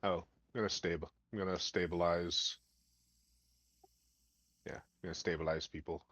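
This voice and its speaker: A man playing a tabletop game over a call, quiet and low-key. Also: fairly even intonation, moderate pace, dry recording, muffled recording. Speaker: player. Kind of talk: casual tabletop play.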